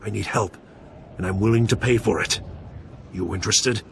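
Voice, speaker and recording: A man voicing a wary male bounty hunter, defensive and gruff as he talks his way out of trouble. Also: lowish voice, moderate pace, noisy background.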